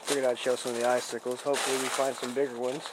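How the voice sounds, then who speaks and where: A man doing a casual, unhurried vlog out in the woods, thinking aloud in a folksy way as he explores. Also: mid-range voice, little pitch movement. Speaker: outdoor explorer vlogger. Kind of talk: casual rambling vlog narration while exploring. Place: outdoors in the woods on a rocky hillside. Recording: clear outdoor background noise.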